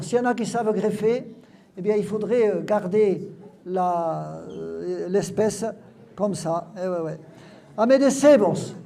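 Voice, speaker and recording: A man's voice: high voice, warm tone. A man reads lines aloud at a live event and explains each word to the audience, with frequent "hein?" and "voilà". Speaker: Occitan language presenter.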